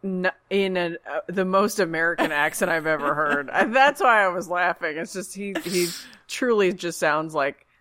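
A woman's voice: lowish voice, normal speed, fairly bright tone. A woman podcast co-host in casual chat, reacting with easy laughter and amused comments.

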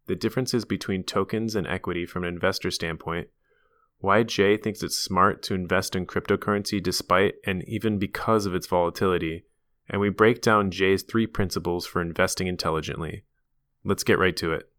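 A man hosting a podcast, speaking in an upbeat, energetic way. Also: low voice, fairly quick, no room sound. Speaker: podcast host.

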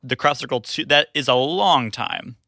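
A man's voice: medium pitch, normal speed, bright, forceful tone, dry recording, studio quality. A man co-hosting a casual podcast, eagerly explaining and stumbling over his words. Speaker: podcast co-host.

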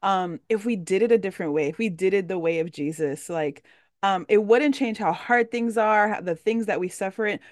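A woman's voice: mid-range voice, normal speed, no room sound, clean studio sound. A woman from the Dominican Republic hosting a faith podcast, effusive and full of fillers, reacting with lots of wows. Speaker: podcast host. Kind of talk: casual faith podcast conversation.

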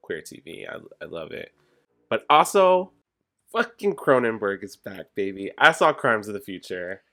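A man with a low, bright voice co-hosts a casual podcast. His delivery is exclamatory and lively, swinging widely in pitch. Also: moderate pace. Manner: animated, exclamatory, swears freely. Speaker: podcast co-host. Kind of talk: casual pop culture chat.

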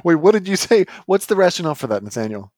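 A man's voice: sits high, big pitch swings, fast talker, a little mellow. A man on a comedy podcast panel who laughs a lot and sounds mock-exasperated. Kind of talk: casual comedy podcast banter.

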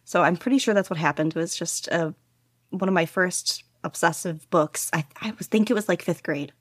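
As a podcast guest, a young fan fiction writer talks from her bedroom in a loose, meandering interview, sprinkling in "like" and little laughs. She speaks at a moderate pace in a fairly low voice, and the sound is dry and studio quality.

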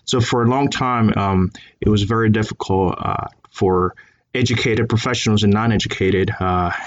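A man in his thirties from Colombia, talking in a measured interview with many fillers. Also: on the low side, dull audio, a little hiss or hum. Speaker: guest. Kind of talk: conversational interview.

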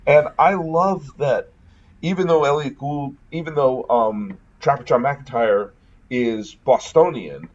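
A man's voice: mid-range voice, slow. A New England man with a Northeastern US accent, talking films in a loose, eager way and often restarting sentences. His voice sits mid-range. The podcast audio is slightly dull. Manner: enthusiastic, rambling, many restarts. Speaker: podcast co-host. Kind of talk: casual film discussion.

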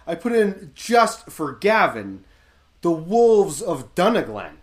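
A man hosting a casual podcast discussion, playfully mock-earnest and quick to laugh as he steers the talk. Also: sits high, big pitch swings. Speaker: podcast host. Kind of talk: casual chat.

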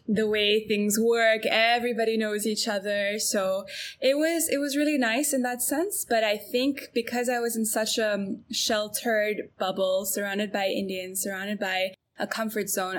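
A young Belgian woman, appearing as a guest in a casual interview, chats in a relaxed way, using lots of fillers and laughing often. Her mid-range voice moves at normal speed, with a little hiss or hum in the recording.

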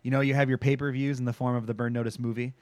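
Man, podcast co-host, casual recap chat, emphatic, sweary, mid pitch, dry recording. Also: flat delivery, very fast, darkish tone, dry recording.

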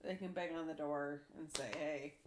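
A woman's voice: low-pitched, steady tone, brisk, noisy background. A woman co-hosting a podcast in casual chat, teasing and joking with dry asides. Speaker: podcast co-host.

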